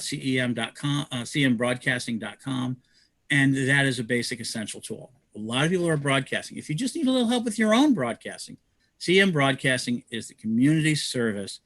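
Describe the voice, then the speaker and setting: A man hosts a promotional livestream about community projects, rambling enthusiastically and restarting often. His voice is medium-pitched and slightly bright, with no echo.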